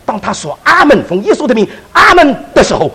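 A man preacher telling a testimony in a sermon, with animated storytelling and frequent restarts. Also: very high voice, brisk, husky, low-quality recording.

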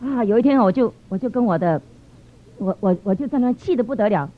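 A woman giving a lively church testimony, telling stories with animated expression. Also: on the high side, a little fast. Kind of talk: storytelling testimony. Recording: dull lo-fi sound.

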